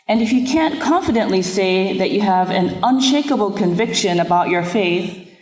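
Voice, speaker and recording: A woman minister whose first language is Japanese, giving an earnest, reflective sermon in a measured way. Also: a little high, a little mellow. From Nepal. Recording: echoey room with long reverb.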